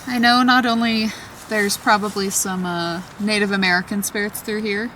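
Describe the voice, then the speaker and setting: A woman talking casually in an excitable, chatty way as she questions spirits aloud in a vlog. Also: medium pitch, normal speed. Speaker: paranormal investigator. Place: outdoors in a forest at night. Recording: distant mic, clearly noisy outdoor ambience.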